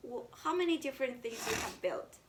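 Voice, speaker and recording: A mother chatting with her family, praising her child in an encouraging, halting way. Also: fairly high pitch, sing-song, noisy background. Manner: encouraging, hesitant with fillers. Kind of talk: casual family conversation.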